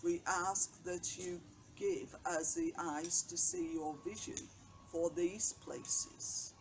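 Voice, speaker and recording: A woman's voice: lowish voice, a little mellow. An older woman vicar reading a daily reflection and prayers from her notes, seated outdoors. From England. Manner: slow, measured reading from notes. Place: outdoors by a brick wall on a bench. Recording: noisy outdoor recording.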